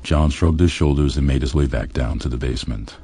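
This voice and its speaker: A man reading a crude comedy story aloud in a deadpan, matter-of-fact way. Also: a bass voice, brisk, slightly rough, no echo. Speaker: audiobook narrator.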